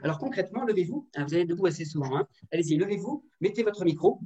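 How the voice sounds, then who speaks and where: A woman teacher trainer leading an online workshop, lively and directive, often checking in with the group over a video call. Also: lowish voice, quick pace, slightly rough, lo-fi sound. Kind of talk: online workshop on classroom activities. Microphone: computer mic on a video call. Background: building works next door.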